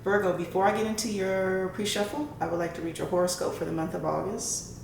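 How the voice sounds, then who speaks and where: Woman, tarot reader and host, casual delivery, frequent "right?" tags, fry in the voice, echoey room with faint noise. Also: medium pitch, fairly quick, darkish tone. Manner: often tags phrases with a questioning "right?". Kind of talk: casual tarot and horoscope reading to viewers. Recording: roomy echo, faint background noise.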